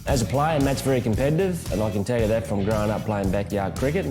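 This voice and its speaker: A man speaking in a documentary interview in a proud, relaxed way. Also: lowish voice, fast talker. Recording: music bed under voice.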